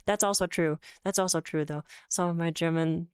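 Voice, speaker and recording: A Polish VTuber with a low, slightly mellow, smooth voice talks at a normal speed with fairly even intonation, and there's no echo. Her English carries a mix of American and British accents. She chats casually on her livestream and reads chat aloud, rambling, restarting, using frequent fillers, correcting herself and laughing easily.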